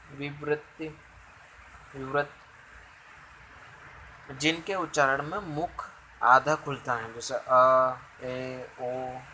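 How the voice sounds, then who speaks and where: A male teacher gives a slow, careful grammar lesson. His voice is bright and crisp, and he asks rhetorical questions as he sounds out each example. A faint noise sits under the recording. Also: on the high side, poor audio.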